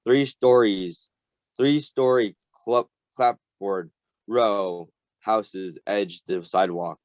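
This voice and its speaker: A man reads a novel aloud to a small group at a slow, careful pace, now and then stumbling over a hard word and starting it again. His voice sits on the lower side. The audio is dull, lo-fi and dry, as over a video call. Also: a little mellow, no echo. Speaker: reader. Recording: dull lo-fi recording.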